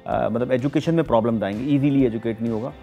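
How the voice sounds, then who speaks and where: A middle-aged man with a Pakistani Urdu accent, an astrologer reading horoscopes on a studio talk show, explaining things in a measured way with frequent hesitations. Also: mid-range voice, vocal fry, lo-fi sound, soft background music.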